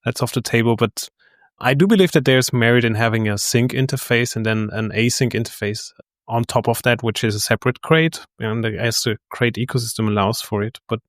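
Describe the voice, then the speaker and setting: A man hosts a technical interview and asks his questions in a measured, deliberate way. His voice sits at a middle pitch. The recording is dry, with little room sound. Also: no room sound. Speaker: podcast host.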